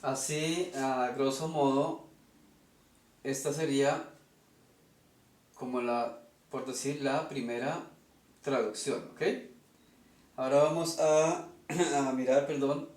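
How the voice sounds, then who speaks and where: With a mid-range, slightly mellow voice, a man with a Colombian Spanish accent explains an invented language at a whiteboard in an echoey room. He goes step by step and regularly checks in with "ok?".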